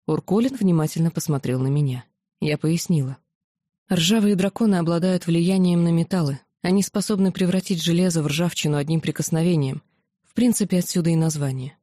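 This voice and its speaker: An audiobook narrator reading a first-person novel in an even, measured way. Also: medium pitch, no room sound, studio quality.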